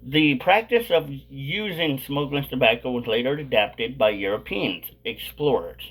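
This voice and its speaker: Guy doing a casual video commentary, got chewing tobacco packed in his lip while he talks, average pitch. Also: animated, moderate pace, fairly bright tone, breathy edge, low-quality recording. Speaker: video host.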